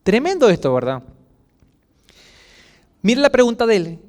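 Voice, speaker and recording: Man, pastor, Chilean accent, sermon, high voice, very lively pitch. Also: normal speed. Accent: Chilean Spanish. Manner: dramatic preaching with sudden loud and soft swings; acts out quoted voices.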